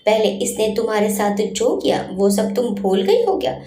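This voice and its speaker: A woman's voice: a little high, big pitch swings, moderate pace, dark tone, echoey room. A woman voicing a scornful young man, a rival in love, who mocks and lectures in a storybook reading. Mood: contemptuous. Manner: mocking, contemptuous.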